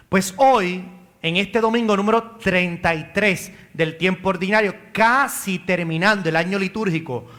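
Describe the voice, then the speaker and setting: A priest preaching a homily at Sunday Mass, with a high-pitched, bright, forceful voice. He asks his congregation questions and answers them himself. Now and then he turns to a parishioner by name. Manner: addresses parishioners by name, joking. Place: church during Mass.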